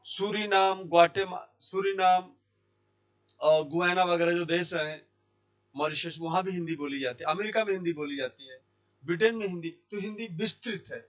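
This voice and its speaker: A man teaching Hindi grammar in a classroom lesson. He asks questions and answers them himself, repeating key words slowly. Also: high voice, fairly bright tone. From India. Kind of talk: classroom lesson explaining sandhi. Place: Jaipur language institute.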